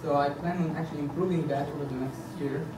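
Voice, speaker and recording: His voice runs on the high side, with fairly even intonation and a fast pace. The speaker is an Egyptian man in his thirties giving a sincere, filler-heavy, hesitant campaign presentation for a board position from a podium in a meeting room, picked up by a distant camera amid echo and hiss.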